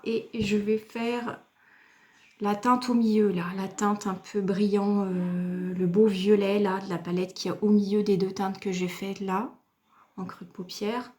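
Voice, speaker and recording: A woman from France talks her viewers through a makeup routine at a slow, unhurried pace. She explains each step patiently and addresses the camera directly, like a beauty vlogger. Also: mid-range voice, level tone, a little mellow. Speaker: beauty YouTuber. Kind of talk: makeup tutorial talk to camera.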